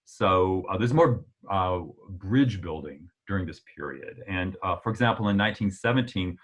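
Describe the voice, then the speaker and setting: A man giving an illustrated history lecture in a relaxed, conversational way, with frequent "uh" fillers and sudden jumps in pitch for emphasis. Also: normal speed.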